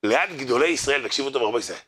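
A man's voice: mid-range voice, background noise. A man giving a humorous religious lecture to an audience, telling stories, acting out the people in them and urging his listeners to pay attention. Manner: lively storyteller who acts out others' voices and jokes; addresses the crowd directly, urging them to listen. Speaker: rabbi giving a Torah class.

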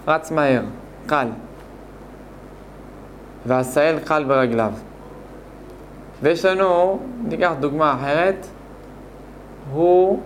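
A man teaching a Hebrew grammar lesson, explaining slowly and repeating points while asking his students questions. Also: a little high, a little hiss or hum. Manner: slow, repetitive explaining with questions to the class. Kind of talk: classroom lesson.

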